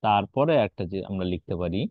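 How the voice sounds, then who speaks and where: A man's voice: deep voice, lively intonation, fast talker, no echo. A man teaching grammar in an online class, explaining patiently and quizzing his students as he goes. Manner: explains patiently, asks students questions, mixes in English words. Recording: dull lo-fi online class audio.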